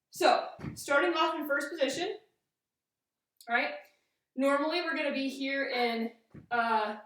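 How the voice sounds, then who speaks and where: A woman's voice: sits high, a bit bright. A woman teaching fencing as an instructor, explaining a demonstration step by step and often checking in with a short "okay?". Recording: very echoey room, distant microphone.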